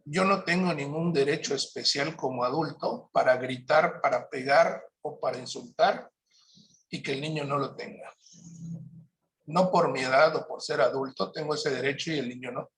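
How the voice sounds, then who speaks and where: A man presenting a parenting workshop, explaining points in a calm, measured way and often checking in with his listeners. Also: a little high.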